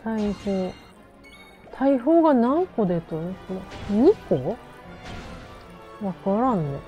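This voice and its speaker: A woman's voice: medium pitch, sing-song, drawn-out words, mellow, dull audio. A woman streaming a game, chatting casually and playfully to herself in a western Japanese Chugoku dialect. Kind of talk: casual game-play chat. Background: game music.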